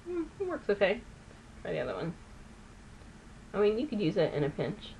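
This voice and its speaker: A woman's voice: medium pitch, wildly swooping pitch, normal speed, darkish tone, a little hiss or hum. A woman vlogger chatting casually while doing her makeup, rambling and often losing a word mid-sentence. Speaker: beauty vlogger. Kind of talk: chatty get-ready-with-me.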